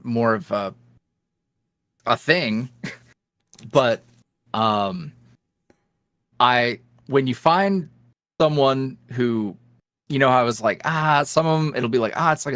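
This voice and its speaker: Taking it slowly with long pauses, a medium-pitched man chats as a podcast guest in a casual interview. He makes ASMR roleplays and comes across loose and animated, often trailing off, restarting, and laughing. No room sound; clean studio audio.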